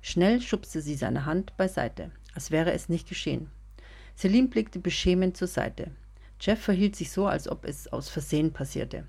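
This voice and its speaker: A woman narrating a serialized German audio story in a calm, even reading voice. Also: lowish voice, normal speed, creaky, breathy edge. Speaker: podcast storyteller.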